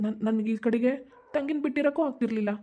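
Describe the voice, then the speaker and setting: Woman as cartoon young son, North Karnataka accent, quick pleading delivery, dark mellow tone. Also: a little high, highs cut off, lightly acted. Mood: earnest. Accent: North Karnataka Kannada. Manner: pleading, determined, talks fast. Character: earnest young man, devoted son and brother. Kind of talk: cartoon voice acting.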